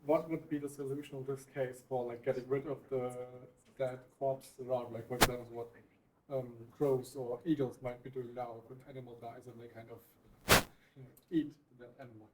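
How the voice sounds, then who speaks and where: A man in the audience asking a halting question with many fillers. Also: mid-range voice, flat delivery. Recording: distant audience mic with loud noise.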